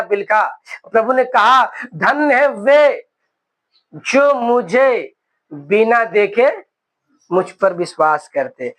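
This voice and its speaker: A young male preacher in his twenties with a very high, bright and forceful voice. He delivers a sermon, calls out hallelujah again and again, and drags out key words for emphasis. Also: low-quality recording. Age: 20s. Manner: exclaims hallelujah often, slows for emphasis.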